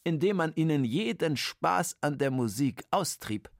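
A storyteller voicing a kindly, wise old man who directs a music school, speaking calmly. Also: mid-range voice, measured pace, creaky, no room sound, clean studio sound.

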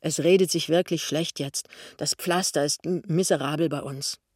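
A man's voice: fairly high pitch, fairly even intonation, moderate pace, dry recording, studio quality, close to an everyday voice. A man playing an anxious, hasty young husband.

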